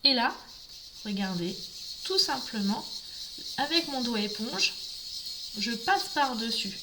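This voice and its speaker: A woman with a fairly high voice runs a live craft demonstration, chatting to her viewers and talking through each step as she works. Clear background noise and clicking sounds sit behind her voice. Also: big pitch swings, slow.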